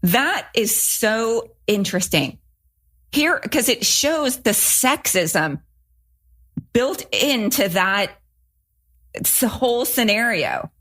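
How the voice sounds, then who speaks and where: A woman's voice: a little high, animated, slow pace, long pauses, a bit bright. A woman co-hosting a podcast, talking casually and emphatically about a student's story, often restarting sentences. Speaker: podcast co-host.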